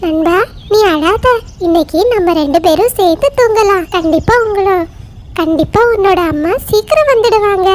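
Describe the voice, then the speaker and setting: Very high childlike voice, kind little bird boy, earnest, comforting, cartoon, a woman acting it. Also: normal speed.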